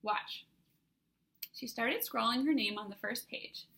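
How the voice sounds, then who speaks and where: A woman narrates a first-person fantasy novel aloud in an even storytelling way. Her voice sits a little high with a gravelly, fry-touched texture. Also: normal speed. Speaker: author reading her own book.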